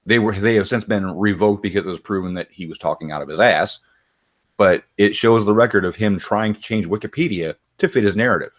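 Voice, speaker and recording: Deep-voiced man, dry and wry. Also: a little fast. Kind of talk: casual chat.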